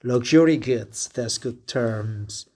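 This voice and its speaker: This native Korean speaker, a vlogger in his fifties from Korea, talks slowly in a warm, mid-range voice with a Korean accent. Part casual spoken diary and part reading aloud, his speech is halting and packed with fillers.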